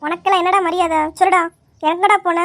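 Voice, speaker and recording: Woman doing a bossy shrill big cousin, yells fast and very high. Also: fairly even intonation. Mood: scolding. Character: bossy, fiery young woman, the eldest cousin. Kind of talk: comedy sketch acting.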